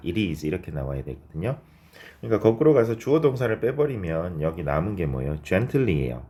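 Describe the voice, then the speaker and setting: A man with a low voice gives a recorded grammar lesson. He speaks slowly and patiently, stretching English example sentences out one word at a time. He keeps posing small questions and then answering them himself. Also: a little mellow. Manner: explains step by step, often asking and answering his own questions.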